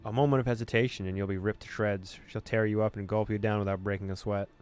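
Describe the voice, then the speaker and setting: Hosting a gaming video, a man reads game text aloud in an expressive storytelling style, dropping in casual, amused asides. His voice is fairly low and his pace quick.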